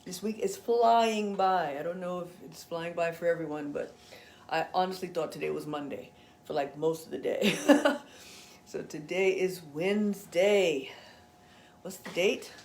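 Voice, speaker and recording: Roomy-sounding woman guiding gentle yoga. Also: fairly low pitch, fairly even intonation, a little slow, a little hiss or hum. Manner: chatty and encouraging, with laughs between cues. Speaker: yoga instructor. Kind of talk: guided gentle yoga instruction.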